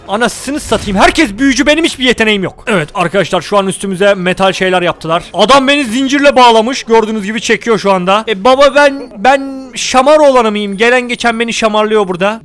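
A young man with a Turkish accent giving excitable, joking commentary while playing a game, often shouting at the characters. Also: sits high. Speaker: gaming YouTuber. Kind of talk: let's play commentary.

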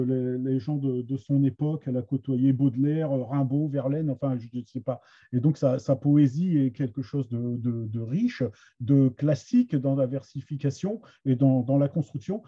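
A man's voice: mid-range voice, husky. A man with a Somme Picard accent teaching Picard literature in an online master class, hesitant, with many restarts and fillers. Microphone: computer mic on a video call. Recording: dull lo-fi video call audio.

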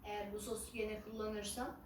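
A woman chatting casually to viewers as an eating vlogger, halting and unhurried, with some drawn-out words. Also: medium pitch, level tone. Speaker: mukbang ASMR vlogger. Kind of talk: casual chat to camera while eating. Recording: roomy echo, distant mic, faint noise.

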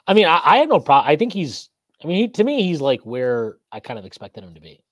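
Podcast host, man, 30s, lively and rambling, reads chat comments, laughs a lot, dry webcam audio. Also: fairly high pitch, brisk, dry recording. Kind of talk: casual postgame chat. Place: small room indoors. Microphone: video call webcam.

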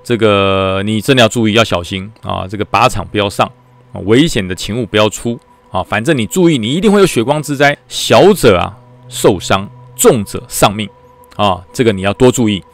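A man's voice: on the low side, animated. A man doing an ominous temple caretaker. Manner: slow, drawn-out warnings. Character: ominous male temple caretaker, stern and drawn-out. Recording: faint background music.

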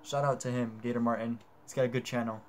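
A man's voice: medium pitch, level tone, quick pace, a little hiss or hum. A young man hosting a reaction video, making casual, slangy, short interjections. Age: young adult.

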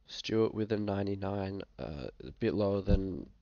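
A young Australian man who is a bit sick and coughs now and then talks casually through a fantasy football screen-share review, laid-back and hesitant with many fillers. His low voice is creaky, warm and animated at normal speed, recorded in a small indoor room with a muffled sound but no echo.

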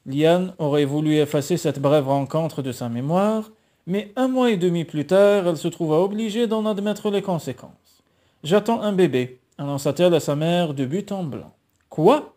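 Homme lisant un roman, voix douce. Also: male voice, a little high, moderate pace, dark tone. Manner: narration posée, voix aux personnages. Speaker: lecteur de roman. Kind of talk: lecture de roman à voix haute.

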